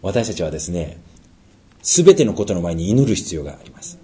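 A man preaching a sermon as pastor. He asks rhetorical questions and swings from loud emphasis to near-whispers. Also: low-pitched, big pitch swings, a little fast.

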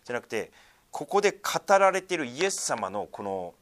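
Male pastor, mid-pitched, very lively intonation, conversational sermon with fillers. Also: normal speed. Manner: lively swings in pitch and loudness, many fillers, asks congregation.

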